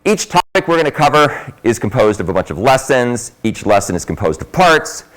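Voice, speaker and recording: A man's voice: medium pitch, very animated, brisk, a bit bright. A man giving an informal, explanatory university lecture in a classroom, his voice muffled by a face mask, with emphatic stresses.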